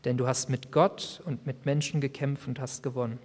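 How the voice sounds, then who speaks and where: A preacher voicing a calm, mysterious divine male stranger who speaks quietly and evenly. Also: medium pitch, normal speed, pitched below the performer's own voice, natural voice. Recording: long hall reverb.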